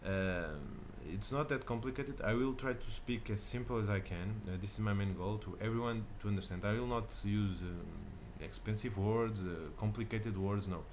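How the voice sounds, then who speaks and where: A man's voice: on the low side, moderate pace, few pauses, slight background noise. A man in his thirties from Portugal with a Portuguese accent, talking casually to camera as a channel host, hesitant with many fillers and restarts. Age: 30s. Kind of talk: casual self-recorded talk. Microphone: camera mic.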